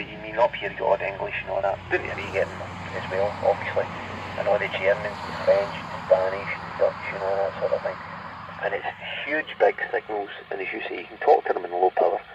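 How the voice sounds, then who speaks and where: Scottish man over muffled CB radio. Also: fairly low pitch. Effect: CB radio transmission. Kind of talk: casual chat over CB radio. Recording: muffled, noisy, distant CB radio audio.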